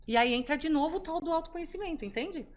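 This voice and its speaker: A middle-aged woman speaking as a podcast guest, telling stories with lively rhetorical questions. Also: high voice, fast. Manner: animated storytelling, rhetorical questions. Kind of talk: conversational interview.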